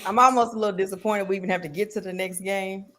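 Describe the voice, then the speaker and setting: Animated woman chatting about football picks. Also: medium pitch, quick pace, slight background noise. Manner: animated, loud and laughing when worked up. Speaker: podcast co-host. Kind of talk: casual sports chat.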